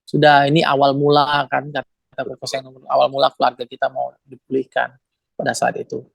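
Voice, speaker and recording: A man's voice: mid-range voice, a little fast, creaky, dry recording. A man giving a testimony as a guest, telling a family story with feeling, laughing often and turning to the host as he talks. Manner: lively, laughs often, keeps addressing the host. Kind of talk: emotional storytelling.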